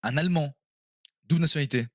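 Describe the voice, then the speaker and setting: A man streaming live and playing a quiz game with his viewers, excitable and quick to exclaim and swear when he is stuck. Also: on the high side, dry recording, clean studio sound.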